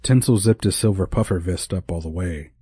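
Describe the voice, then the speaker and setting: A man narrating a romantic comedy audiobook in a measured, even reading. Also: low voice, breathy edge, dry recording.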